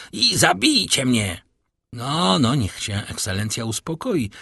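A man reading a classic novel aloud as an audiobook narrator, voicing all the characters with lively intonation. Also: mid-range voice, slightly rough, no room sound, clean studio sound.

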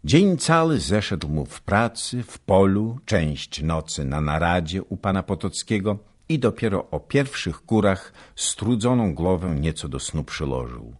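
A man reads a historical novel aloud, slow and deep. His husky voice rises and falls widely, giving the story an expressive, unhurried pace. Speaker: audiobook narrator. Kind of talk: scripted literary narration.

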